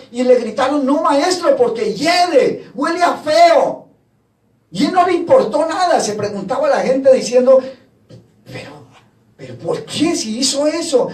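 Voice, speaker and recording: A man's voice: very high-pitched, a little mellow. A man preaching a sermon, retelling gospel scenes and voicing the people in them. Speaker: pastor. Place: church hall. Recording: echoey church from far off.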